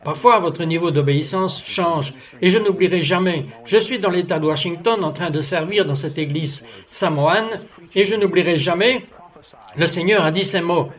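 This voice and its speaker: A man's voice: sits high, moderate pace. A man giving a French voice-over of a guest's testimony, telling it earnestly and acting out its dialogue. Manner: earnest storytelling, acts out the dialogue of his story.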